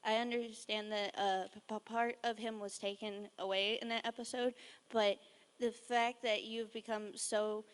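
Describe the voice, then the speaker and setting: Female fan, nervous, stammering, a little high-pitched, asking a question. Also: flat delivery, normal speed, smooth. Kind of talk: audience question at a panel. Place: large convention hall.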